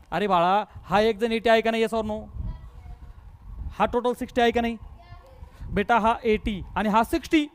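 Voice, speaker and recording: A man with a Marathi accent teaching a math lesson, briskly coaxing pupils and drilling them with repeated questions. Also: very high voice. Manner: brisk, coaxing, keeps prompting pupils to answer quickly; repetitive call-and-response questioning. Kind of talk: online class lesson.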